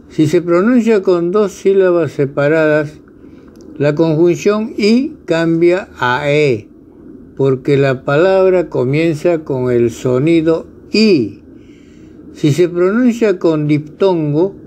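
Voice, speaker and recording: Slow, deliberate male grammar teacher. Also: fairly high pitch, darkish tone. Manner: slow, deliberate, repeats key points. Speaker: language teacher. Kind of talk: explaining spelling rules.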